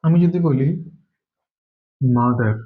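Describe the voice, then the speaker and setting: A man from Bengal gives a classroom grammar lesson at a middle pitch, working through each point slowly and repeating key words to drive them home. The sound is slightly dull and lo-fi. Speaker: English teacher.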